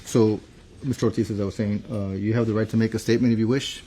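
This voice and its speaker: Courtroom recording of a judge, low dark voice, lots of uh and um, faint room hiss. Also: male voice, fairly even intonation, poor audio. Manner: halting, many fillers and restarts. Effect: courtroom recording played back. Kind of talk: reading a verdict and running court proceedings.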